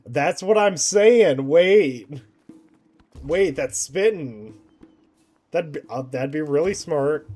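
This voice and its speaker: A man's voice: on the high side, animated, slow pace, pauses often, a little mellow, soft background music. A man casually chatting on a game livestream, thinking aloud and laughing often. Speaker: game streamer.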